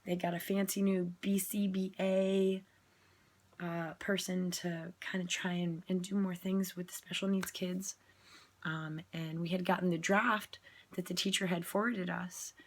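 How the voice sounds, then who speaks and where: A woman's voice: lowish voice, flat delivery, a little slow. A woman who is sick and coughing, chatting casually to camera about her tiring day and acting out what people said to her. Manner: tired and frank, acting out quoted exchanges. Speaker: parent sharing a video diary. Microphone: phone or webcam recording.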